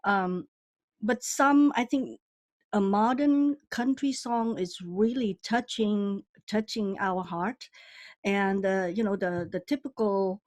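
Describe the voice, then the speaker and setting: A woman hosting an interview podcast, enthusiastic and often halting mid-sentence. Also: medium pitch, a little mellow, no echo. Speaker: podcast host.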